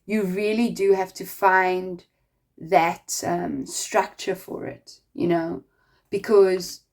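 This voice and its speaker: A woman giving a casual spiritual tarot reading, chatty and rambling, full of fillers, speaking encouragingly straight to the listener. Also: medium pitch. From not American. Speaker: tarot reader.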